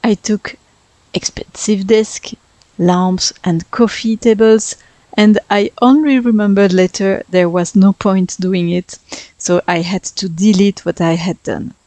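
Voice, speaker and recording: Speaking in a steady, dark, mid-range voice at a slightly slow pace, this French-accented woman in her thirties talks her way through a Sims speedbuild as voice-over. She's talkative and pokes fun at herself, and the recording has no echo.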